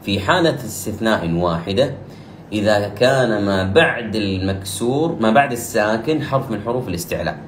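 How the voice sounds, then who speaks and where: A man teaching the rules of Quran recitation, explaining briskly and then reciting the example verses slowly and louder. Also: on the low side, lively intonation, reverberant, slight background noise. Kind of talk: tajweed lesson with recited examples.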